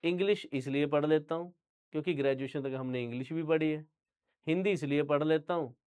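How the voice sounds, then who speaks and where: A man's voice: on the high side, brisk, a little mellow, clean tone. Punjabi man teaching a lecture. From Punjab, India. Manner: talks straight to students, repeats "theek hai" often. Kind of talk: online lecture.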